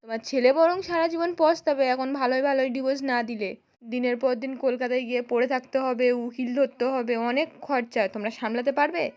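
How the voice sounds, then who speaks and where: A stern village elder warns a neighbour to rein in his son, voiced by a woman narrator in her high voice. It stays a spoken recap. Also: fairly even intonation, brisk, darkish tone, highs cut off, close to an everyday voice. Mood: lecturing. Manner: warning, lecturing.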